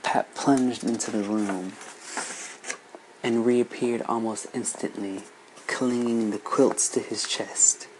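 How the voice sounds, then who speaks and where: A man reading a story aloud in a measured, descriptive way. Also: lowish voice, steady tone, darkish tone, a little hiss or hum, rough recording. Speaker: narrator.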